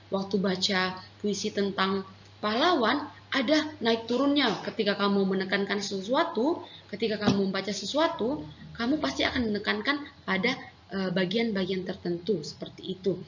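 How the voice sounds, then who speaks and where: An Indonesian-accented woman teaches young children in a gentle, patient, unhurried way. Her voice rings in an echoey room, and the recording sounds slightly dull with faint hiss behind it. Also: medium pitch. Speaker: primary school teacher. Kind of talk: online lesson for young children.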